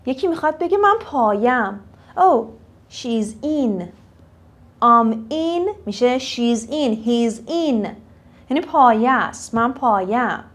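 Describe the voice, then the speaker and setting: A young woman teaching English phrases in a casual lesson, repeating each phrase slowly for learners. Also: on the high side.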